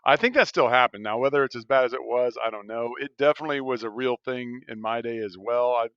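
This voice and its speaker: A middle-aged man talks quickly in a smooth, clear voice as he reflects on his own training. The sound is dry and a little dull. He speaks in a thoughtful, rambling, conversational way. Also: mid-range voice, a bit bright, no room sound. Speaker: podcast co-host, rural physician. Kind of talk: casual podcast conversation.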